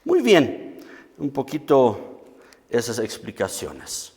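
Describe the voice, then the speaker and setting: A man preaching a Bible teaching, explaining patiently and often checking with his listeners, reading scripture slowly and with emphasis. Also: medium pitch, huge pitch swings, darkish tone. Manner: explanatory, asks the audience often. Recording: reverberant hall.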